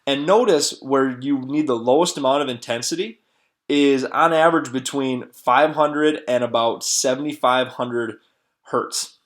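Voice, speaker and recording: A man giving a classroom lecture at a middle pitch, explaining step by step. He keeps tagging his points with a questioning "right?". He often repeats a word while he looks for the next one. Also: a little slow. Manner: repeats words while searching for them. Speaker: teacher.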